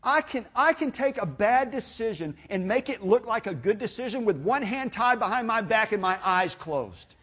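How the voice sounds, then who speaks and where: A man with a notably high voice preaches a sermon. He builds his points through emphatic repetition and acts out the dialogue in his stories as he tells them. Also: very animated, normal speed, few pauses, a bit bright. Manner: storytelling with acted-out dialogue. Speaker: pastor.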